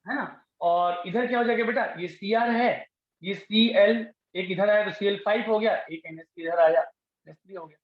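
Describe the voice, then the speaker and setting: A man's voice: high voice, moderate pace. A male teacher giving a classroom lecture, coaxing students and repeating his questions to them. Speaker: chemistry teacher. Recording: echoey, dull classroom recording.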